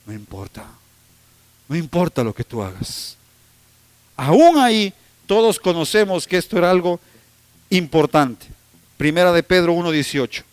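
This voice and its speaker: A man's voice: fairly high pitch, big pitch swings, normal speed, long pauses, clear, resonant tone, dry recording. A man preaching a sermon as pastor, telling stories with humor and teasing the congregation. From Ecuador. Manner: humorous, storytelling preacher who teases the congregation.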